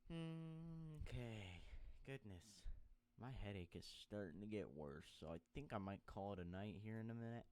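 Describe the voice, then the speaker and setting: A man's voice: fairly low pitch, expressive, normal speed, a little mellow, smooth. A man talking to himself as he plays a game, musing aloud about what to do next. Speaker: gaming channel host. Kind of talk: live commentary while playing.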